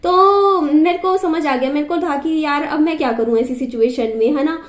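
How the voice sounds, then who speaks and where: Woman, young adult, high-pitched, chatty storyteller, repeats herself, echoey room. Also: normal speed. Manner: chatty, repeats herself, asides to her child. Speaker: vlogger. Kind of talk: casual storytelling to camera.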